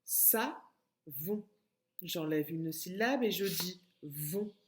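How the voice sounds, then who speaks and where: Slow, patient French woman teaching children. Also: lowish voice, expressive, slight background noise. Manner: slow, clearly syllabified, patient and instructive. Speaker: kindergarten teacher. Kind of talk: remote phonics lesson for young children.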